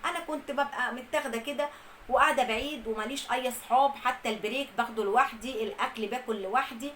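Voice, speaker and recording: Young egyptian woman telling her story, kinda high voice, earnest, lists stuff over and over. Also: fast talker, a bit bright, slight background noise, low-quality recording. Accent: Egyptian Arabic. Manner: earnest, with repeated emphatic lists. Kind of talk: first-person storytelling.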